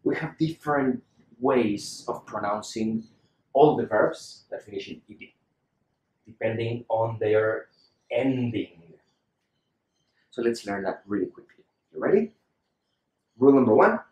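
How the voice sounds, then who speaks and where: A man's voice: mid-range voice, lively intonation, a little slow, long pauses, darkish tone, echoey room. A man teaching English pronunciation in a patient lesson style, repeating example words for the learner to copy.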